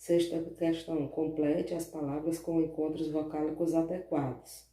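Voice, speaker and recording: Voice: mid-range voice, little pitch movement, moderate pace, warm tone. A teacher with a Brazilian accent giving a recorded class, explaining patiently step by step and often checking in with the pupils. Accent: Brazilian Portuguese. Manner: patient, explains step by step, keeps asking "né?" and "certo?". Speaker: primary school teacher. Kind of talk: recorded online class lesson. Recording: echoey room, voice far from the mic.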